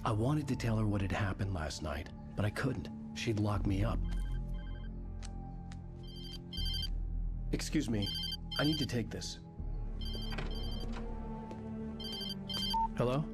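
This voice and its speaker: A man's voice: on the low side, expressive, moderate pace, close to an everyday voice. Man acting a terse, brooding male game protagonist. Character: troubled male writer narrating his own ordeal. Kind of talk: video game dialogue and first-person narration. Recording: background music under voice.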